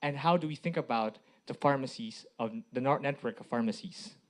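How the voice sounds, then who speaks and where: Speaking at a moderate pace in a mid-range voice, a Filipino IT director presents to an audience. He delivers his talk in short phrases and frequently asks rhetorical questions.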